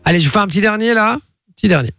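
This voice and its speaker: Gravelly-voiced joking radio host man. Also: sits high. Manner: fast, joking, teasing. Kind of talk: lively radio banter and music quiz. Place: radio studio. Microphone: studio microphone. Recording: radio broadcast with music behind. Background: music playing.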